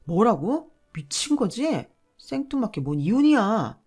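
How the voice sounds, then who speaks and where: A woman's voice: medium pitch, big pitch swings, a little slow, darkish tone, husky, soft background music, pitched above the performer's own voice. A woman voicing a selfish, dismissive husband who argues back defensively. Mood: indignant.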